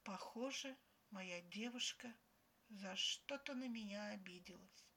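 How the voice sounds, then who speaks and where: A woman's voice: medium pitch, measured pace, sharp tone, slight background noise. A woman expressively reading a first-person story aloud. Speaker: story reader.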